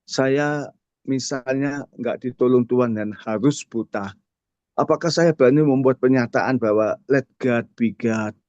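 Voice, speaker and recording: A man's voice: mid-range voice, measured pace, a little mellow, no room sound. Older man preaching. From Indonesia. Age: 60s. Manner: storytelling, addresses the congregation directly. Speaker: speaker at a prayer fellowship. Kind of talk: sermon testimony. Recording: dull dry sound.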